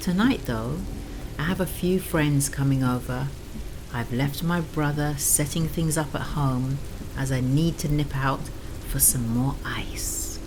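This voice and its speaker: A middle-aged woman narrating a sleep story in a soothing, intimate, sultry way, with a breathy voice that lapses into whispers. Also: a bass voice, unhurried. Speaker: host of a sleep story series. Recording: clear rain noise behind the voice. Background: steady rain.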